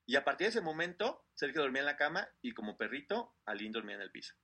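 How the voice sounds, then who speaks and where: A man's voice: mid-range voice, fast, husky. A man, retelling a story to co-hosts in a casual chat, acting out what people said. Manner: animated retelling, acting out quotes.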